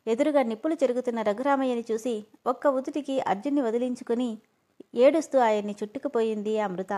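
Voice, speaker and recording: A woman narrates a serialized drama story with lively expression. Her voice sits fairly high for a woman. Her delivery is steady and storytelling in style. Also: fast. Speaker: story reader.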